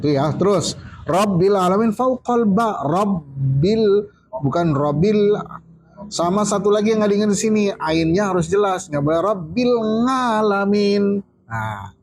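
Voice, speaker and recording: A man teaching a casual study circle, drawling out recitation examples slowly and often checking that his students understand. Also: high voice, big pitch swings. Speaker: religious teacher.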